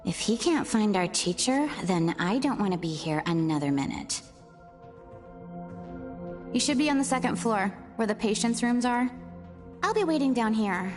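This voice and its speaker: Woman acting bossy young student, high voice, long reverb. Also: expressive, normal speed, pauses often, a little mellow, close to an everyday voice. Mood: curt, casual. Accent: American. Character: bossy, impatient, sharp-tongued young female student. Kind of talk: video game voice acting. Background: music.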